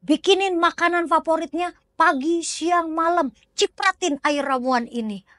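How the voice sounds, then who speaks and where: A woman's voice: extremely high pitch, measured pace, fairly bright tone, no room sound, voice pushed up. A woman voicing a sly healer who gives matter-of-fact instructions. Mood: sly instructing.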